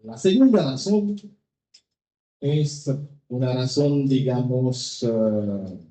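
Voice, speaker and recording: In an audience-filled hall at a cultural venue, a Haitian singer in his fifties, a native Haitian Creole speaker, answers questions in a live public Q&A. He speaks slowly and carefully in a second language, searching for words, his medium-pitched voice warm and expressive. The hall sound is echoey and dull.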